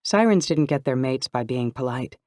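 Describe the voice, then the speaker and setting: A man narrating a novel in the first person, with a measured, even delivery. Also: medium pitch, no room sound, clean studio sound. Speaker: audiobook narrator.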